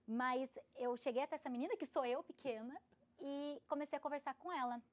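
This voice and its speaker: A woman in her thirties, a podcast guest, telling an emotional personal story in an animated, expressive way. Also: high voice, fairly quick. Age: 30s. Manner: animated, expressive, laughs often.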